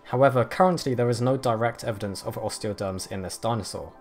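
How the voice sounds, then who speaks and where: A man narrating a scripted nature documentary in a measured, explanatory way. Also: mid-range voice, darkish tone. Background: background music.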